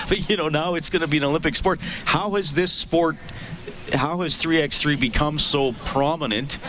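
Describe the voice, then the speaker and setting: A man's voice: mid-range voice, background noise. A Canadian man hosting live sports radio, chatty and conversational, with the delivery of a contest promo. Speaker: sports radio show host. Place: live radio broadcast from a ballpark.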